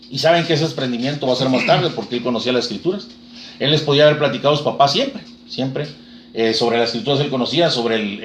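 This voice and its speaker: A man's voice: medium pitch, echoey room, a little hiss or hum. A man preaching a sermon, retelling scripture in a fervent storytelling manner.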